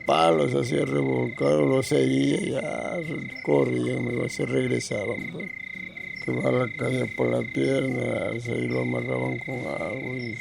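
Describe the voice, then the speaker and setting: An older man with a northern Peruvian accent and a gravelly voice tells stories informally, rambling and repeating his phrases. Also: medium pitch, steady tone, measured pace, background noise. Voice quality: gravelly, creaky aged voice. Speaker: grandfather recounting local oral history. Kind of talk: informal oral storytelling.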